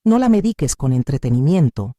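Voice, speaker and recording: Woman, devotional narrator, dramatic emphatic delivery, lively swooping pitch, mellow dark tone. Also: brisk, no echo, studio quality.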